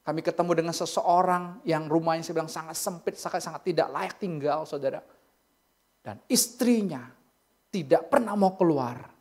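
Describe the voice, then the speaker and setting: A lively preacher in a church, moving between plain teaching and jokey, chatty remarks to the congregation. The pitch sits in an everyday middle range, and the delivery stays informal and animated. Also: moderate pace. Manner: animated, humorous, acts out quoted speakers; casual colloquial asides to the congregation. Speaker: pastor. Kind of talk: sermon.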